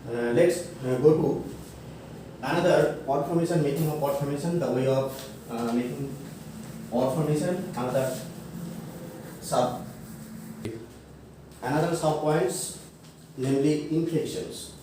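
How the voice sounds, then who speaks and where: Male lecturer, unhurried, mellow tone, heard from a distance with faint background noise. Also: fairly high pitch. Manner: slow, halting, many fillers and self-corrections, spells words out. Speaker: college English teacher. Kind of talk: classroom grammar lecture. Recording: echoey room, mic far off, faint noise.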